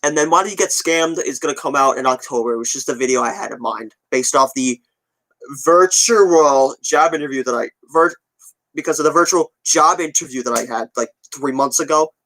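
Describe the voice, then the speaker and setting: In a low-quality recording, a young man of twenty updates his audience, responding to comments in a loose, repetitive, rambling way. He speaks at a moderate pace in a mid-range voice with a slightly bright tone.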